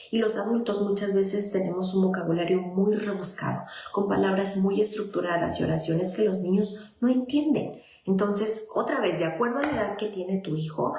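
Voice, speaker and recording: A woman child psychologist, giving parents patient guidance and acting out gentle talks with children. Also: medium pitch, reverberant. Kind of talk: informal live talk to parents.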